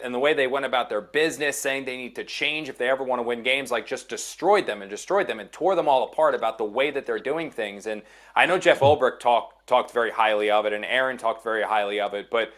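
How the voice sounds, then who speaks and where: A man's voice: medium pitch, a bit bright. A man working as an NFL insider in a casual sports chat, emphatic and repeating phrases to drive his points home.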